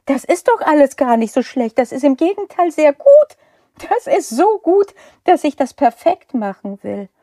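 A woman voicing her male thesis supervisor, who is appalled and reassuring in a raised, loud voice. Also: high-pitched, sing-song, normal speed, no room sound, studio quality, voice pushed up. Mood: aghast.

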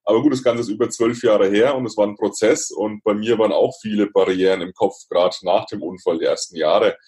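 A man, a podcast guest speaking reflectively, with pauses and restarts. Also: fairly low pitch, fairly even intonation, darkish tone. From Franconia, Germany. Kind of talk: podcast interview.

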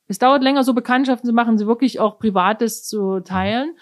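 Her voice on the high side and brisk, a middle-aged East German cellist from an orchestra is interviewed in a casual, conversational setting. She considers her words carefully, with frequent fillers and restarts.

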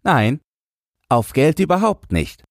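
A man reads a small, frightened boy who keeps watch over rubble, his voice pushed high and thin. He sounds timid and stubborn, grief held back, with a husky edge and swinging intonation, recorded close and completely dry. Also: huge pitch swings, a little slow, no echo, exaggerated voice. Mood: evasive. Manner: timid, stubborn, quietly grieving. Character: frightened nine-year-old boy guarding rubble. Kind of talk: audiobook character voice.

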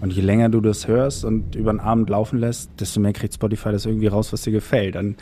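A man co-hosting a podcast, telling stories in a relaxed, chatty way. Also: lowish voice, fast. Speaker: podcast co-host. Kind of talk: casual chat.

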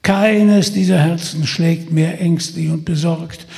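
A man's voice: a little high, fairly even intonation, slow, vocal fry, darkish tone, in a large hall. Holländer Michel, a man doing a mocking forest tempter. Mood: persuasive. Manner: mocking, persuasive, jeering. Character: scheming sly male forest spirit tempter.

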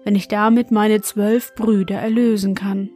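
Woman reader doing gentle young storybook princess, soft, earnest, slow. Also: medium pitch, flat delivery, soft background music, lightly acted. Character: young princess seeking her brothers, gentle.

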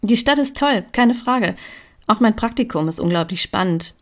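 A woman's voice: fairly high pitch, expressive, normal speed, pitched above the performer's own voice. A woman reading aloud, voicing a friendly, somewhat tired young woman in a storybook reading. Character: tired but kind young woman, love interest.

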